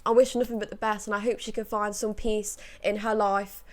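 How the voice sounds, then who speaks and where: A woman's voice: mid-range voice, level tone, a little fast. A young woman giving emotional reaction commentary, upset and swearing often as she rants. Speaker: YouTube commentator.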